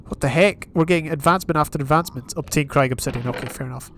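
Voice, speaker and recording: With a little hiss or hum in the background, a young Scottish man races along in a slightly high, fairly bright voice. The gaming YouTuber chats through his Minecraft let's play, thinking aloud and reading advancements as he goes.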